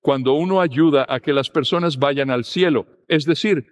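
A man's voice: fairly high pitch, normal speed. Man delivering an earnest sermon. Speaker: preacher.

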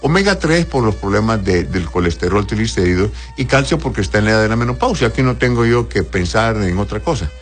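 A man's voice: lowish voice, expressive, fast talker, hardly any pauses, soft background music. A man who is a doctor, reading out viewers' questions and answering them with plain advice, often adding a questioning "right?" at the end. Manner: plain advisory tone, tags "¿verdad?".

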